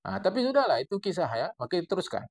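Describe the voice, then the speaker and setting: A man with a Medan Malay accent leads a religious text study, reading passages and breaking off to explain them. His pitch swings widely and his voice is gravelly, with a playful, digressive way of teaching. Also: very animated, fast. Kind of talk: classical Islamic text study lesson.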